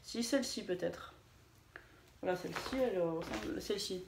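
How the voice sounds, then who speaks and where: A woman's voice: on the low side, moderate pace, vocal fry, slight background noise. A woman chatting casually in a beauty vlog, hesitant, with many fillers and restarts, poking fun at herself. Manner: chatty, self-deprecating. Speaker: beauty vlogger. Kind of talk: casual haul and swatch video. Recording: echoey room.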